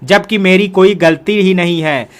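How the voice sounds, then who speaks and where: A spoiled, sly younger sister, as a man reads her aloud, whining to defend herself. The voice is high for a man. It is a storybook character. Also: unhurried. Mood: defensive, whiny.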